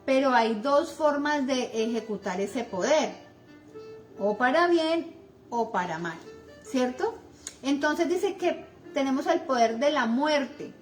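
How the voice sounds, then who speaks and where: A middle-aged Colombian woman with a bright, high voice gives a conversational devotional lesson. She talks earnestly, slips into little voices for everyday remarks, and pads her sentences with fillers, while soft music plays faintly behind her. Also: lively intonation, slow.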